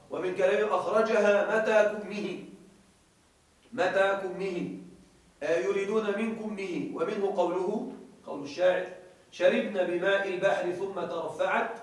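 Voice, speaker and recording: A high-voiced man lecturing in a strongly echoing room, with his voice coming from some distance away from the mic. He reads a passage out, explains it, and keeps checking that his listeners are following along. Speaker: grammar teacher. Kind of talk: classroom lecture explaining a grammar text. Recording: very echoey room, voice from far off the mic.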